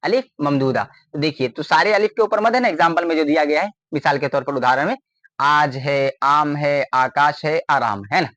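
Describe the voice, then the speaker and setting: A man's voice: fairly high pitch, normal speed, a bit bright, no echo. A man teaching a grammar lesson, often repeating a question to his students and then answering it.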